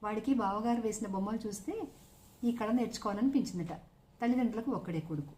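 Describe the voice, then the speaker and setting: A woman voicing an irritable middle-aged man, a brother who scolds and complains loudly. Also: mid-range voice, fast talker, lightly acted. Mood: reporting.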